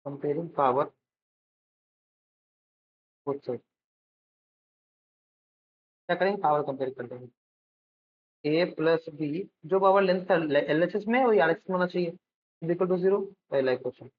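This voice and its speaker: A man's voice: fairly high pitch, takes it slowly, long pauses. A male physics teacher giving a lecture as he writes out a problem, often asking a question and answering it himself, checking in with his students and calling them by a fond term. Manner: calls students "beta" affectionately. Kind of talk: classroom-style lecture while writing out a problem. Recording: dull lo-fi recording with faint noise.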